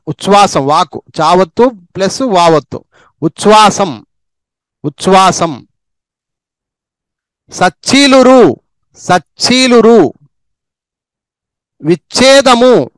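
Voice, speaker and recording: Slow, high-voiced man drilling word sounds. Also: a bit bright, smooth, no room sound. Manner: says each word slowly two or three times, with quick asides on how to practise. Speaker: Telugu reading teacher. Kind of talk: slow spelling and pronunciation drill.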